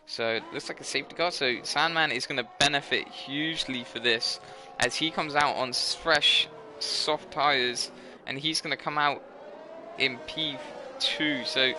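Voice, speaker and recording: A man's voice: mid-range voice, background noise. A tired young man giving live commentary on an online racing league, rambling and correcting himself as he goes. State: tired, yawning. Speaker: race commentator.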